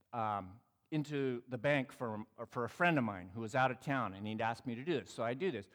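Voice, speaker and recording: A man's voice: medium pitch, fairly bright tone, in a large hall. A man telling a personal story in a conversational, sermon-like talk, acting out the voices in it. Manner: reflective, conversational, acts out quoted dialogue.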